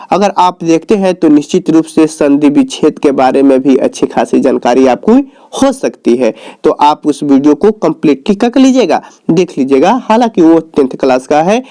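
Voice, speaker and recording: A man teaching a recorded lesson in Hindi, asking questions and answering them himself, drawing out each answer lower and slower. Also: mellow. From Bihar, India. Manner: asks questions and answers them himself, calls the viewer "babu".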